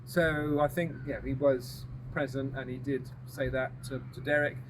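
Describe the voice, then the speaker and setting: Outdoors on a walking tour beside a road, a man guides a small ghost-walk group, sharing anecdotes in a relaxed, hesitant way. He speaks at medium pitch with a steady tone and moderate pace, while passing traffic adds noise to the recording.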